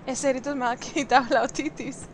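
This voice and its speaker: A young woman with an accent from Spain, commentating her gameplay live and breaking into loud shrieks when startled. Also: high voice, fairly even intonation, fairly quick, a little hiss or hum. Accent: Spain Spanish. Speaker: game streamer.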